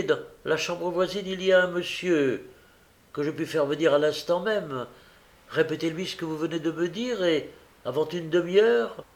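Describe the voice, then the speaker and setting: Kind young lady coaxing earnestly, read by a man. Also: fairly high pitch. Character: kind, virtuous young lady, gently persuasive.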